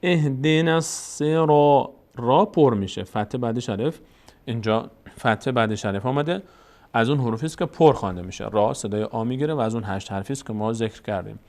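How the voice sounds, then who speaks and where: A man teaching Quran reading, explaining each letter and vowel mark, then chanting the verses slowly to show the right sound. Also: lowish voice, a little mellow. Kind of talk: recitation lesson.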